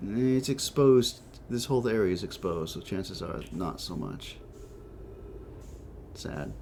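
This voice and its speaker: A man's voice: deep voice, animated, slow, gravelly, darkish tone, slight background noise. A man doing casual let's play commentary, thinking aloud, with a whistling s from a chipped tooth. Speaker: gaming host.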